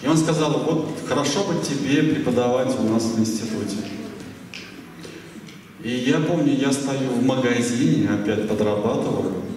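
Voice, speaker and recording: A man in his fifties, a writer answering audience questions at a library talk, musing and digressive, with pauses and fillers. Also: medium pitch, noisy background. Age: 50s. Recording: echoey hall, voice picked up from a distance.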